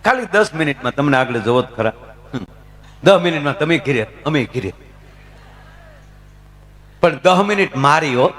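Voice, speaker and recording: A man's voice: a little high, lively intonation, moderate pace, pauses often, fairly bright tone. A middle-aged man with a Gujarati accent, a folk comedian telling chatty anecdotes live on stage and talking to the crowd. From Gujarat, India.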